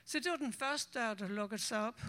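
A woman missionary telling the story of her calling at a church meeting, a lively storyteller who acts out the voices she remembers. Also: a little high. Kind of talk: personal testimony told to a church meeting.

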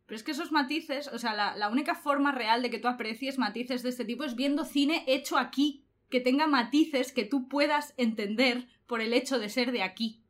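A woman's voice: high voice, moderate pace, few pauses. A young woman, chatting casually and laughing often. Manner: animated, laughs often, colloquial. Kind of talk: casual chat.

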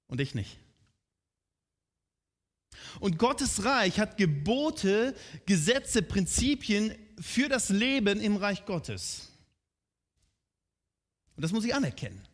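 A man preaching a sermon in a conversational way, often asking his listeners direct questions. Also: sits high.

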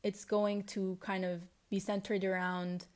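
A woman's voice: medium pitch, level tone, measured pace. A woman with a Lebanese accent, partly Americanized, talks as a solo podcast host in a casual, confessional, reflective and rambling way.

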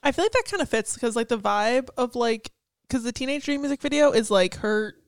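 A woman's voice: a little high, lively intonation, a little fast, no echo, studio quality. A woman co-hosting a podcast in casual chat, swearing often with laughing mock outrage. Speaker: podcast co-host.

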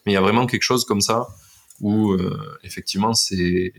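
A man hosts a relaxed podcast conversation. His voice sits very low, and he talks in a loose, rambling way full of fillers and restarts. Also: a little fast, creaky. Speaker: podcast host. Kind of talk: casual interview chat.

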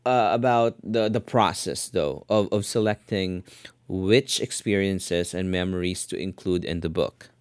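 Deep-voiced halting podcast host man. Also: clean tone, dry recording. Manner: halting, repeats words while searching for phrasing. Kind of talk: interview questions, casual chat.

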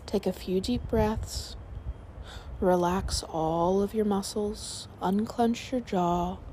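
A woman narrating a sleep story, reading aloud in a calm, soothing way. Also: mid-range voice, slow pace, a little hiss or hum.

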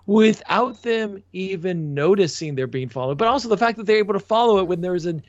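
A man's voice: high voice, expressive, a little fast, dry recording, lo-fi sound. A man in casual podcast chat, rambling with frequent restarts and fillers. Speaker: podcast co-host.

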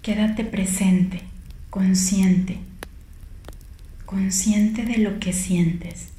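Calm woman walking you through a meditation, warm low-key tone, roomy echo. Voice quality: soft and calm, hushed at times. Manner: slow, gentle instructions with long pauses. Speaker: meditation guide. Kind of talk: guided meditation.

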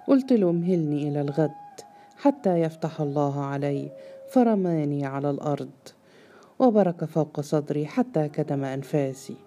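A woman reader voicing an indebted man of the alley, complaining fast and agitated. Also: low-pitched, expressive, mellow, slight background noise.

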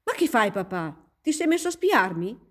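A woman's voice: mid-range voice, big pitch swings, a little slow, darkish tone. Woman playing a defiant teenage daughter. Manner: defiant, raised protesting voice. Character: rebellious 19-year-old daughter, defiant.

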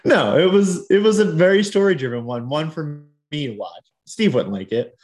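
On a podcast, a male co-host chats casually about TV and film, rambling into asides and laughing often between thoughts. His voice is fairly high and a little mellow, with lively intonation at a moderate pace.

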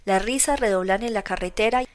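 A woman narrating a classic novel as an audiobook reader, in steady storytelling. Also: mid-range voice, a little fast. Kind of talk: scripted narration.

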